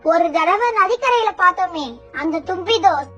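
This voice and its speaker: A hopeful little sparrow boy from a cartoon, his voice very high and childlike, as a woman acts him out. He talks eagerly and pleadingly. Faint music plays underneath. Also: expressive, moderate pace, fairly bright tone. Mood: insistent. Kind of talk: cartoon voice acting.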